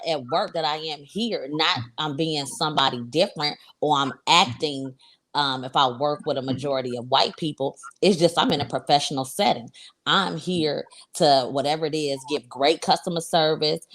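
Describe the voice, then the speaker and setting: A woman's voice: sits low, moderate pace, fairly bright tone. A woman in her forties talking in a casual podcast chat, firm and matter-of-fact. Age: 40s.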